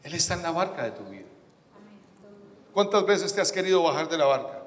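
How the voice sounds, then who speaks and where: Pastor preaching in an echoey hall. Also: male voice, on the high side, brisk. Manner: animated preaching, swinging from loud bursts to hushed asides. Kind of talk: sermon. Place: church hall. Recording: echoey church hall with faint music.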